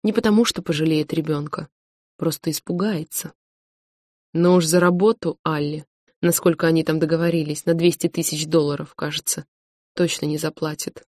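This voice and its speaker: A woman narrating an audiobook with a lowish voice, close and dry with no room sound. She reads in a measured, even way. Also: dry recording.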